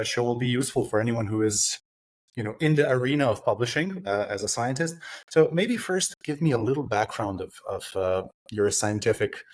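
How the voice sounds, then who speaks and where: A man hosts a podcast interview and asks long, winding questions. His delivery is hesitant and full of filler sounds, and his voice sits at an ordinary middle pitch for a man. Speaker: podcast host.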